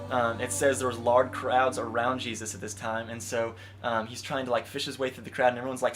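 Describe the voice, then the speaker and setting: A young man in his twenties preaching an earnest sermon, building to impassioned emphasis and then dropping soft. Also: on the low side. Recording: guitar music playing underneath.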